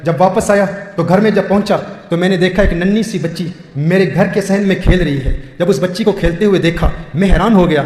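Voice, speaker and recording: A man with a high voice preaches with deep feeling and repeats his phrases for weight. His words ring through a large hall, and a long reverb trails after each line. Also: few pauses, a little mellow. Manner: repetitive, heartfelt phrasing. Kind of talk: emotional sermon storytelling.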